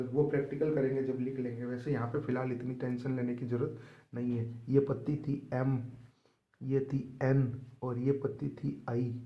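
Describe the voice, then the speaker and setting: Mellow-voiced man teaching physics. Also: medium pitch. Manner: addresses students as kids, mixes English terms into speech. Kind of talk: board exam tutorial.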